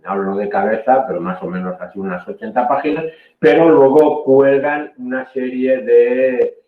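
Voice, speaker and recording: A Spanish man gives a technical training lecture in a mid-range voice at a moderate pace, explaining patiently, correcting himself and often checking in with "¿eh?". The sound is reverberant, narrow and tinny.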